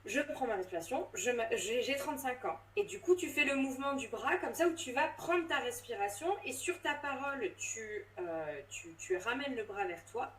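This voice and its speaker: A woman's voice: fairly high pitch, expressive, moderate pace, hardly any pauses, a bit bright. A woman in her thirties, a voice coach, explaining with lots of fillers and restarts in a casual interview. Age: 30s. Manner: hesitant, many fillers and restarts. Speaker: voice coach and drama teacher. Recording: roomy sound, distant from mic.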